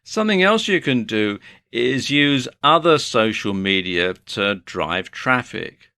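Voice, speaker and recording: A man's voice: medium pitch, big pitch swings, slow, sharp tone, dry recording. A man narrating a scripted online business tutorial, explaining things in a chatty way with dry asides.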